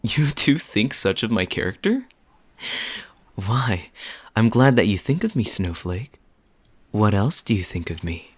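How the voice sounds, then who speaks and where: Man acting as Kaeya, slow, suave low-voiced flirt. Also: expressive, no room sound. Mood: teasing, flirtatious. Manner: smooth teasing, chuckling, deliberate phrasing. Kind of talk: intimate audio roleplay acting, addressed to listener.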